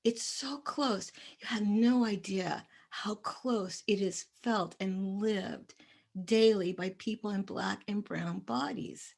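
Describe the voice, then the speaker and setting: A woman's voice: mid-range voice, slow, gravelly, darkish tone. A woman speaking as a panelist in a discussion, passionate and emphatic, with a tremor in her voice.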